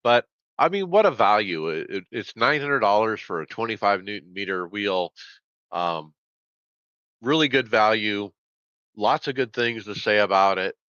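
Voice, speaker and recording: Bright-voiced man, dull lo-fi sound. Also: on the low side, expressive, normal speed, clear, resonant tone, no room sound. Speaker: podcast co-host. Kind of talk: casual chat.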